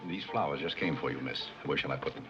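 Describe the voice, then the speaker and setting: An actor playing a polite, reserved gentleman butler with a formal, dry manner in a 1930s film. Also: very deep voice, fast talker, highs cut off. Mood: composed. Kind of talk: 1930s screwball film acting. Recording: old 1930s film soundtrack, music behind.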